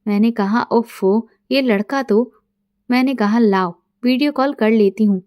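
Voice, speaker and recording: A middle-aged woman narrating a first-person story in a soft, intimate way, quoting dialogue plainly. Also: fairly high pitch, unhurried, no echo, clean studio sound.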